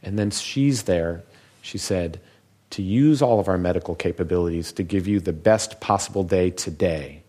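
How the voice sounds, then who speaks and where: A man with a very low, deep voice gives a public talk as a physician. He tells stories in a measured, reflective way, taking his time over each thought. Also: mellow, breathy edge.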